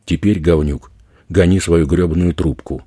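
A man doing a loud, crude street robber. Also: deep voice, fairly even intonation, moderate pace, slightly rough, dry recording, clean studio sound. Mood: aggressive, yelling. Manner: loud, swearing, bullying. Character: rough male street robber, crude, menacing.

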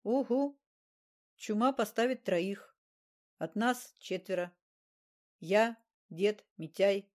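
A woman's voice: medium pitch, slow pace, pauses often, a little mellow, lightly acted. A woman reading the lines of a cocky male gang boss who gives curt, bossy orders. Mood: commanding.

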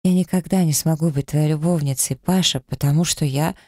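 A man reading a romance audiobook, voicing an emotional young woman in love with a raised pitch and a breathless, pleading manner. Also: fairly even intonation, fairly quick, a little mellow, no echo, studio quality, natural voice. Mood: tender.

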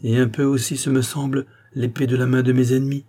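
A man's voice: medium pitch, little pitch movement, a little fast, dark tone, lightly acted. A man voicing a proud, doubting queen in a French audiobook reading, haughty and incredulous. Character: proud doubting queen, woman, middle-aged.

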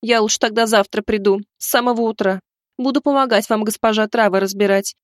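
A woman narrating a first-person fantasy audiobook, expressive and storytelling. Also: mid-range voice, a little fast, dry recording, studio quality.

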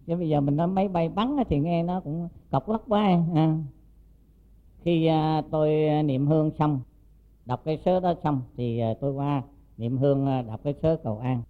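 A monk telling a story in a sermon, his voice on the higher side for a man. He talks earnestly and fills his pauses with soft hesitations. The recording sounds dull and lo-fi. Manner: many hesitant "à" fillers, earnest. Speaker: Buddhist monk teacher.

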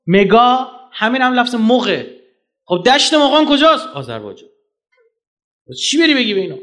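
A man giving a public lecture in an animated, argumentative way, firing rhetorical questions and swinging from loud to soft. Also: sits high. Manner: animated, rhetorical questions, sharp jumps in loudness; mocking, argumentative.

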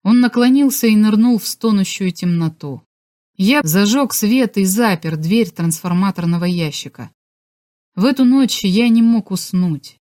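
A woman's voice: medium pitch, animated, measured pace, mellow, no room sound. Woman reading an audiobook, dry and close. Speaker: audiobook narrator. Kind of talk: scripted audiobook narration.

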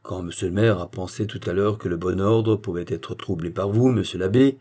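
Man reading as a calm, stubborn village philosopher. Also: sits low, moderate pace, slightly rough. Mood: reasoning. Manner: calm, almost gentle, arguing point by point. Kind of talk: audiobook reading.

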